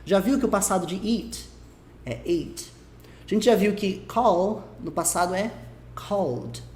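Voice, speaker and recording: A man with a Brazilian Portuguese accent teaching an English lesson, patiently repeating words slowly to model pronunciation. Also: high-pitched, a little mellow, a little hiss or hum. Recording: roomy echo.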